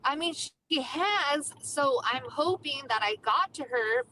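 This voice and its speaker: A woman with a high, sharp voice talks from inside a car while driving. She is upset and venting in a loose, chatty way as a stream guest. A faint hum of the vehicle sits under her voice. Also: expressive, slow pace, low-quality recording. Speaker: livestream guest. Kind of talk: casual chat.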